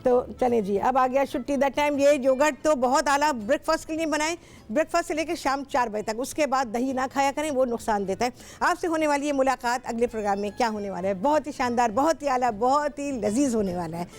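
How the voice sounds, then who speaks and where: Brisk and high-pitched, she chats with callers on her television cooking show while soft music plays in the studio background. A middle-aged woman with a Pakistani Urdu accent, she explains things talkatively and frequently repeats herself.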